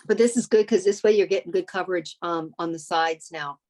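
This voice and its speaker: A woman co-host chats casually and warmly, walking her friend through advice step by step, full of likes and ums. Her lowish voice is brisk and a little mellow.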